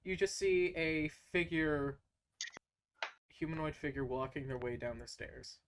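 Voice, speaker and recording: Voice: mid-range voice, fairly even intonation, a little slow, background noise. A game master narrating a tabletop game in virtual reality, giggly and scattered, breaking into laughter often.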